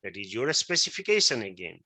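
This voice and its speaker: Checking often that students follow and asking whether he's right, a Maithili-speaking male teacher leads an interactive lecture. His voice runs on the low side, sing-song and a little fast, with a sharp, slightly rough tone.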